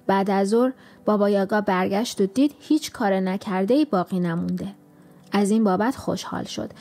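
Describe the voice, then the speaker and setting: Softly spoken woman narrating a tale. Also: mid-range voice. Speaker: audiobook narrator. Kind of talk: scripted storybook narration.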